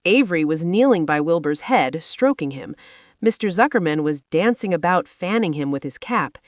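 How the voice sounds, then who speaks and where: Expressive woman reading a children's story. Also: lowish voice, normal speed, dry recording, clean studio sound. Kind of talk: expressive scripted narration of a children's book.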